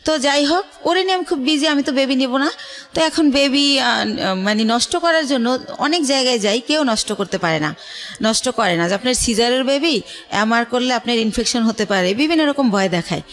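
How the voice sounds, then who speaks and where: A middle-aged Bangladeshi woman with a fairly high, slightly bright voice and lively intonation is a guest on a radio interview. She tells her life story haltingly, pausing often as she recounts personal experiences.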